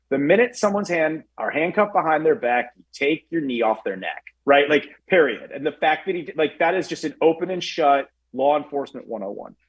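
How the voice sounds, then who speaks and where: A man's voice: mid-range voice, husky, low-quality recording. A man talking casually on a talk show, telling stories with lots of fillers and acting out what people said. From Chicago area. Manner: animated storytelling with acted-out quotes, many fillers. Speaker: guest commentator.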